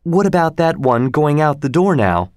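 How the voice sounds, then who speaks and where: Juliet, a man voicing a gentle young noble girl. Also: fairly high pitch, sing-song, normal speed, no room sound, clean studio sound, voice pushed up. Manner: gentle, playful.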